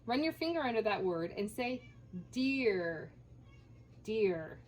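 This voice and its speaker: A woman teacher leading a children's phonics lesson, sounding out letters slowly and encouragingly. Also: fairly high pitch, sing-song.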